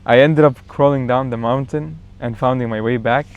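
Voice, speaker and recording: A man chatting as a guest in a casual backyard interview, telling a story in a relaxed, rambling way with fillers. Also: medium pitch, moderate pace.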